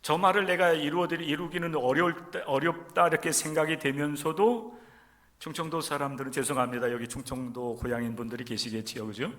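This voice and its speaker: A man from Chungcheong delivers a sermon in a church sanctuary, his voice sitting slightly higher than most men's. He speaks straight to the congregation. His delivery rises to loud, emphatic stresses and falls back to hushed, almost whispered phrases. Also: steady tone, brisk. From Chungcheong region, Korea. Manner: swings between loud emphatic stresses and soft near-whispers; addresses the congregation directly and often. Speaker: pastor. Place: church sanctuary during a service.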